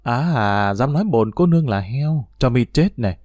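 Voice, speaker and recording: A man's voice: medium pitch, lively intonation, normal speed, darkish tone, no room sound, natural voice. A man voicing a playful, teasing teenage schoolgirl, in a story read aloud, recorded dry. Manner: teasing, coy.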